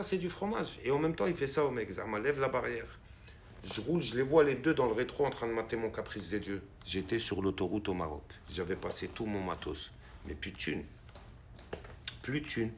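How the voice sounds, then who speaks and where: Gravelly man telling a wild story. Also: a little fast, slight background noise. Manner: animated, acts out quoted voices with big pitch jumps. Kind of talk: casual spoken anecdote.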